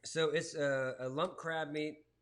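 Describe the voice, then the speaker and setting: A man in his forties co-hosting a casual live-streamed cooking show from his home kitchen, relaxed and chatty, reading out viewer comments. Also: a little high, measured pace, clean tone.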